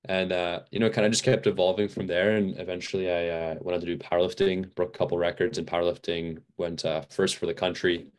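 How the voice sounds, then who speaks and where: A young man with a very low, deep voice, chatting as a podcast guest. He rambles easily with lots of "like" and "uh," a touch worn out from training. Relaxed and unscripted. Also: quick pace, few pauses. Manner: rambling, many fillers and restarts. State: a little fatigued. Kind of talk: casual interview chat.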